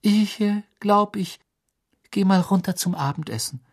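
A shy, awkward young teenage girl, as an audiobook reader puts her on. She stumbles through her words in a raised voice. A husky tone runs underneath. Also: mid-range voice, darkish tone, voice pushed up. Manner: hesitant, halting.

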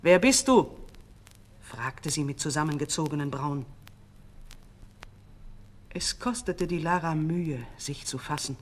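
A woman narrating a fairy tale in an expressive, dramatic storytelling manner. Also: low-pitched, measured pace, long pauses.

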